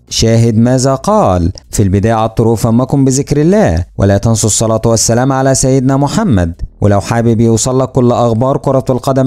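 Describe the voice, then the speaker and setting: A man's voice: mid-range voice, warm tone. A man who reads out sports news from a script as a channel narrator.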